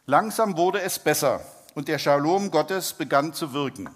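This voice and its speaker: Male preacher, slightly high voice, measured sermon storytelling, long hall reverb. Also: lively intonation. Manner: measured, slows down for emphasis.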